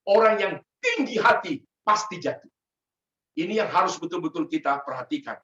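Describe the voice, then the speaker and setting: A male pastor from Sangir, Indonesia, preaches a sermon over a video call. His high, animated voice rises hard on scripture. The sound is roomy, distant and dull. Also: moderate pace. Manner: emphatic, rising on scripture.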